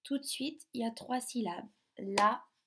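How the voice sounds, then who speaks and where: A woman teacher giving a phonics lesson to young children, slowly sounding out syllables and words. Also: a little high, darkish tone, breathy edge. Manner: slow, carefully articulated, sounding out syllables. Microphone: device camera.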